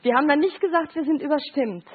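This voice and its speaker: Speaking fast in a high voice, a middle-aged woman who counsels the grieving works through picture cards, illustrating points with short examples and voices she quotes, and checks in with "Ja?". The recording sounds thin and phone-like.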